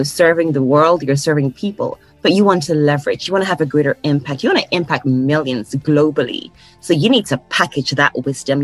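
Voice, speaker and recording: A woman from Ghana, a guest coach on a podcast interview, telling stories in an animated way and laughing often. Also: sits low, no room sound, poor audio. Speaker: guest, course creation coach.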